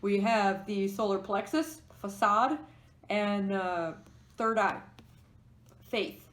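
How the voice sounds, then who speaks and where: A woman's voice: mid-range voice, steady tone, takes it slowly, a bit bright. A woman giving a pick-a-card tarot reading, musing aloud as she explains each card. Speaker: tarot reader. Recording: echoey room.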